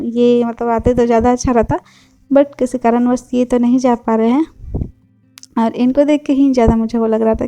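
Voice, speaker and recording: A woman's voice: on the high side, warm tone, no room sound, poor audio. Young female vlogger from Bihar, chatty and rambling, dry close sound, faint music underneath. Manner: chatty, repetitive, filler-heavy. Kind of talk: casual vlog narration.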